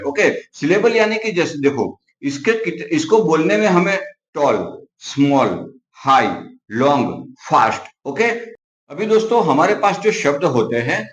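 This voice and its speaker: Echoey man teaching grammar. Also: a little high. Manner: says "okay" often, writes while explaining; repeats example words slowly. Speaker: English teacher. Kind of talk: explaining grammar to viewers. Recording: echoey, slightly dull recording.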